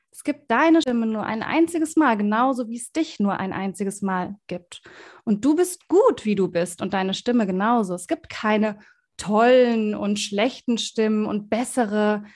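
A woman, a voice expert, explaining to children in an interview and speaking to them directly and encouragingly. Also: a little high. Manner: warm, encouraging, speaks directly to kids with vivid examples. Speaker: voice and communication expert, guest.

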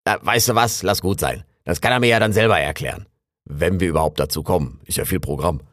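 A man's voice: deep voice, quick pace, a bit bright, dry recording, clean studio sound. A man voicing a boastful, chatty male raccoon in an audiobook, rambling on in a self-important way. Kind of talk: audiobook character voice.

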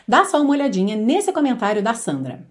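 A woman who speaks natively teaches English in a lively online lesson, energetic and sometimes singing lyric lines slowly to demonstrate them. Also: on the high side.

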